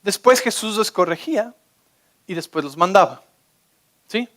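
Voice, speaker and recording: A man preaching a sermon as pastor, energetic and often checking in with his listeners. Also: high voice, a little slow. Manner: energetic, keeps checking in with the audience.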